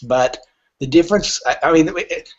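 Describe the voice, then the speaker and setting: Speaking at a normal speed in a fairly high pitch, this middle-aged or older man plays a literary agent in an interview. His answers are blunt and emphatic, and he performs imagined exchanges. The podcast sound is dull and lo-fi.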